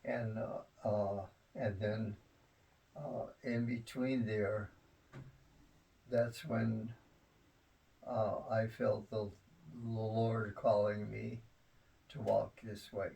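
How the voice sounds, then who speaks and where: An elderly man reminiscing in a rambling grandpa way about family history, halting often and repeating his words. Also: on the low side, level tone, vocal fry, dark tone, recorded from a distance, poor audio. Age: 70s or older.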